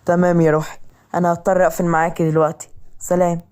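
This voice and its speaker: A woman's voice: lowish voice, little pitch movement, racing, a little mellow, clear, resonant tone, lightly acted. A woman reading a protective big brother. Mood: affectionate. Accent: Egyptian. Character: protective teasing older brother.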